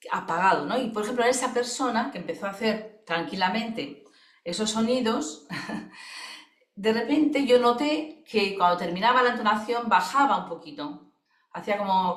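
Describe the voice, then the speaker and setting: A woman, a singing therapist giving a webinar lesson in a thoughtful, unhurried way, often checking in with her listeners by asking if they follow. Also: fairly high pitch. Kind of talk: teaching talk. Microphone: video call microphone. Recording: echoey room.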